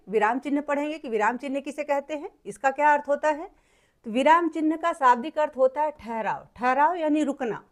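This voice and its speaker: A woman teacher giving a classroom lesson to children, explaining step by step and rephrasing each point in simpler words. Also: high voice.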